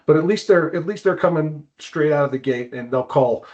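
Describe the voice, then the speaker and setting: A climbing wall consultant appears as an expert guest in an informal interview, explaining things conversationally but haltingly and circling back over what he's said. His voice is a little high and a little mellow, and the audio is somewhat dull and lo-fi.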